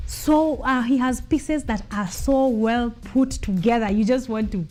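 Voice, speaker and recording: A woman's voice: a little high, measured pace, mellow, soft background music. A woman hosting a studio interview, upbeat and chatty, switching freely between English and Swahili. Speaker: show host. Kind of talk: casual interview chat.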